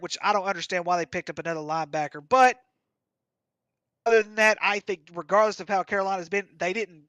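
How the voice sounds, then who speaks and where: A man with a fairly high voice talks football draft picks in a loose, halting way, full of "uh" and "um" and restarted phrases. The sound is close and dry, with no room around it. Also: bright, forceful tone, no room sound, muffled recording. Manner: hesitant, many fillers and restarts. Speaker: co-host. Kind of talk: casual sports podcast chat.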